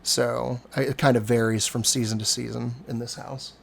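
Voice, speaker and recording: A man in his forties with a gravelly voice talks in a loose, rambling way. He swears freely and grumbles about getting old, in a casual home chat over voice call. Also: mid-range voice, flat delivery, normal speed. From Cincinnati area, USA. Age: 40s. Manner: rambling, profane, self-deprecating.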